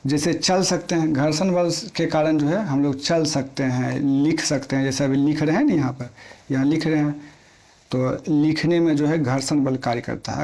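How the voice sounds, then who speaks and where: Speaking in plain everyday Hindi, a man with a slightly high, darkish voice teaches a physics lesson for exam prep. He repeats the key points and poses questions that he then answers himself.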